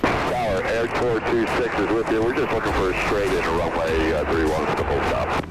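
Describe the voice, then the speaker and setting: A man's voice: low voice, steady tone, normal speed, over loud music, rough recording. A man flying a plane, calling the tower in clipped phrases over a cockpit radio transmission. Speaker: pilot. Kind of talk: pilot radio calls.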